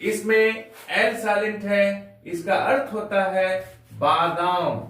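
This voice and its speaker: A man's voice: high voice, fairly even intonation, takes it slowly, a bit bright, very echoey, distant mic, rough recording. A man from India teaching an English lesson in Hindi, spelling words out letter by letter.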